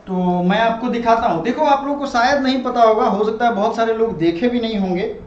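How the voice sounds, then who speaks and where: A teacher gives a conversational lecture on current affairs, mixing in English and checking in with his listeners. His voice is very high-pitched and brisk, and the recording is muffled, echoey and full of loud background noise.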